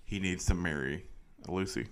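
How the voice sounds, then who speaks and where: A man with a notably low, deep voice co-hosting a casual movie podcast. He sounds laid-back and drops in jokes as he chats. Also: moderate pace, creaky, a bit bright, a little hiss or hum. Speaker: podcast co-host.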